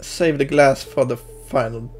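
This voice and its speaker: A woman's voice: a bass voice, fairly even intonation, a little slow, a little mellow, slightly rough, soft background music. A woman streamer giving live gameplay commentary, exasperated and talking back at the game.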